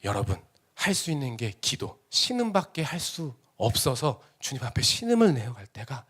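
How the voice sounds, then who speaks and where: A man preaching an emotional Sunday sermon in a church, swinging between loud exclamations and hushed whispers. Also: mid-range voice, very animated, normal speed, husky. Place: church sanctuary.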